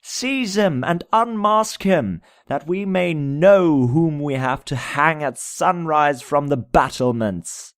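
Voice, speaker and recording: A man voicing a bold, robust prince in a storybook reading, enraged, commanding and hoarse. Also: fairly high pitch, slow pace, hardly any pauses, dry recording, clean studio sound, pitched above the performer's own voice. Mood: outraged, commanding. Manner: commanding, indignant.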